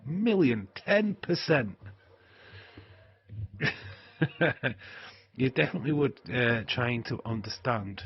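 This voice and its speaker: With a mid-range, breathy-edged voice, a Yorkshire-accented man from England sounds very animated yet speaks slowly, pausing often, and the highs are cut off. Hosting a livestream, he chats casually and rambles, laughing frequently and using many filler sounds.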